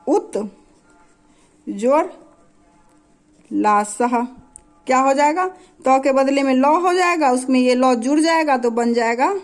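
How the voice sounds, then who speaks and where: A woman with a high voice teaches a grammar class. She explains slowly and patiently, walking through one example after another and often stopping to ask whether the students are following. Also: a little mellow. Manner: patient, repeats "है ना" to check understanding.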